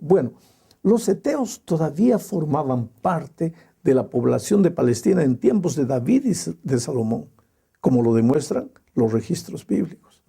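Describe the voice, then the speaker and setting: A male pastor preaching a sermon in a slow, emphatic way with dramatic pauses. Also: a little high, creaky, mellow, slightly rough.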